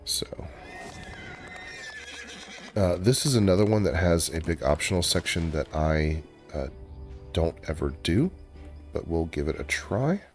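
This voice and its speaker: A man hosting a video game walkthrough, explaining casually as he plays, with relaxed pacing and frequent filler pauses. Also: low-pitched, soft background music. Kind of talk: casual gameplay commentary.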